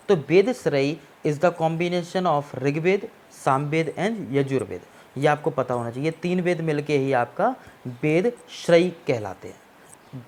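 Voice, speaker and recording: A man teaching an exam-prep history lesson, explaining step by step and often checking that students follow, with English words mixed into his Hindi. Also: fairly high pitch. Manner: explanatory, repeats "ठीक है ना" to check understanding.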